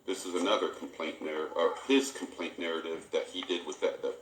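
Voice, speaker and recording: A man conducting a formal investigative interview in a halting, procedural, repetitive way, captured on a tape recorder in a room. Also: deep voice, fairly even intonation, fairly bright tone, reverberant, slight background noise. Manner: halting, procedural, repeats himself. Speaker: police internal affairs interviewer. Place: indoor room.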